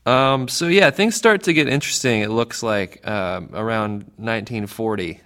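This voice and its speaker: A man co-hosting a casual podcast, relaxed and reading out film listings with plenty of ums. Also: lowish voice, normal speed. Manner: relaxed, reads out film listings with many fillers. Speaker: podcast co-host.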